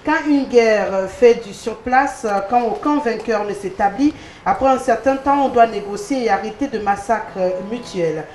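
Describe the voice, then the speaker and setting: A woman's voice: a little high, normal speed, few pauses, darkish tone. A woman hosting a TV panel discussion, reading viewer messages with many hesitations. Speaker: host. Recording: echoey studio with faint noise.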